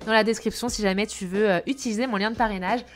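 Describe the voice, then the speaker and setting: A woman's voice: mid-range voice, steady tone, quick pace. A young woman giving casual travel tips in a chatty way, with frequent hesitations. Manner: chatty, many filler hesitations. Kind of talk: casual chat to camera.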